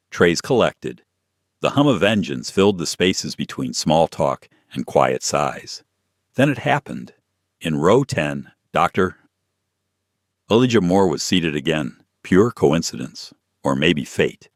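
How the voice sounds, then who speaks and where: A man's voice: deep voice, very animated, takes it slowly, no echo, studio quality. A man narrating a tense, dramatic story.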